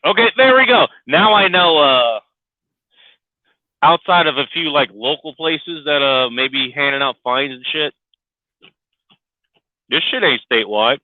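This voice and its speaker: A man's voice: fairly high pitch, lively intonation, unhurried, pauses often, no echo. A middle-aged man sounding like a CB radio through his headset, ranting sarcastically and swearing constantly in a casual podcast chat. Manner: sarcastic, swears constantly, gets loud and fired up. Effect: sounds like a tinny CB radio over his headset. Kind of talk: casual profane rant. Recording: tinny dry lo-fi headset line.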